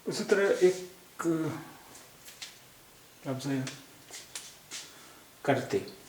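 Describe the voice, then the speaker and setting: A man from India teaching a language lesson, patiently going over spelling corrections and repeating each word with many pauses. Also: mid-range voice, a little mellow, echoey room, slight background noise.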